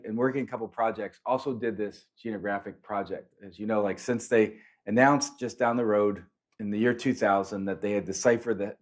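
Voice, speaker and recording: Low-voiced man telling parish stories. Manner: anecdotal, animated when quoting others. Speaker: priest and panelist. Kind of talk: storytelling talk.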